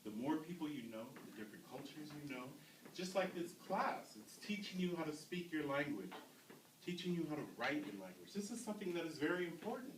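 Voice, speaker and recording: A man's voice: fairly high pitch, big pitch swings, fairly quick. A man telling stories to a youth class as a community speaker, often asking the audience questions. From United States. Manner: storytelling, asks the audience questions. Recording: roomy, from a distance, faint noise.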